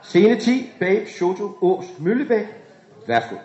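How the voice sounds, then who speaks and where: A man narrating and directing an amateur radio play, calmly explaining the scenes, in a dull, echoey room recording. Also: high voice. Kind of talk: reading stage directions.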